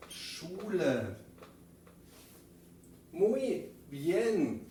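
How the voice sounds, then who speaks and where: A man teaching a German class, saying example phrases slowly and clearly for students to repeat. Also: fairly high pitch, darkish tone, recorded from a distance, a little hiss or hum. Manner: slow, deliberate enunciation of example phrases. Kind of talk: classroom lesson, drilling phrases aloud. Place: classroom with a whiteboard. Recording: echoey room, voice off-mic.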